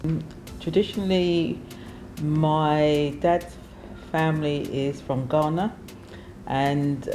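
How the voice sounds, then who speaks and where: A woman's voice: very deep voice, background noise. A young woman from London, speaking in a casual group interview in a thoughtful, hesitant way.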